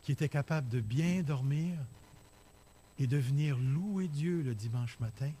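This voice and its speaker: A man's voice: mid-range voice, a little slow, warm tone, slight background noise. A man with a Québécois accent preaching a sermon, telling a vivid story and putting rhetorical questions to the congregation. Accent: Québécois French. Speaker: pastor.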